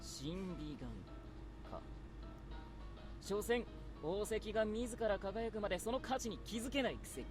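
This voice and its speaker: A man's voice: high-pitched, lively intonation, brisk, pauses often. A man voicing a proud, stubborn young male aspiring writer with haughty, indignant retorts, in visual novel acting. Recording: game audio with loud background music.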